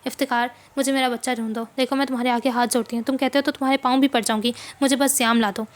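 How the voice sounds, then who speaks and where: A woman's voice: on the high side, flat delivery, racing, lightly acted. A woman voicing a desperate young mother who pleads for help to find her lost son. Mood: pleading. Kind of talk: novel reading.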